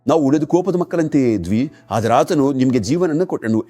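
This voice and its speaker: A man's voice: mid-range voice, animated, a little fast, mellow, faint music behind. A man delivering a dubbed sermon voice-over in an earnest preaching manner. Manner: earnest preaching, repeated commands.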